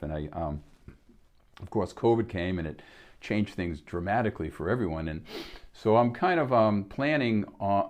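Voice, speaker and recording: A man's voice: deep voice, a little mellow. A man in his sixties with a Boston accent, hosting a solo piano live stream and chatting casually between tunes, rambling with many fillers and restarts.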